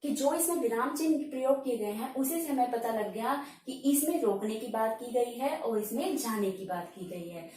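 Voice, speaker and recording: A woman's voice: fairly high pitch, a little mellow. A woman teaching a Hindi grammar lesson, explaining patiently, repeating each point and calling her students "beta". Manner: says example words slowly, one at a time. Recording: echoey room, voice from far off.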